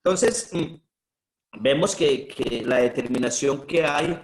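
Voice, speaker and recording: A man's voice: medium pitch, slow pace, poor audio. A middle-aged man, a spiritual teacher telling personal stories in a conversational way, often checking in with a questioning "sí". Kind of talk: personal storytelling talk.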